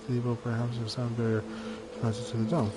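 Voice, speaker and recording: A man's voice: mid-range voice, little pitch movement, fairly quick. A man playing a video game, reading its dialogue aloud and often stumbling over the words between casual comments. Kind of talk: let's play commentary. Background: game music.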